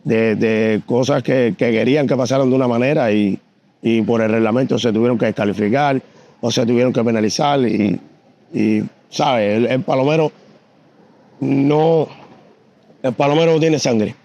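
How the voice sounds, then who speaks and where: A man tells judging stories in a dark, mellow voice, stumbling through fillers and restarts as he goes. The recording has a dull, slightly lo-fi sound. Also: mid-range voice, moderate pace. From Cuba. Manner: animated anecdotes with frequent fillers and repetitions. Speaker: competition pigeon judge. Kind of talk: storytelling in an interview.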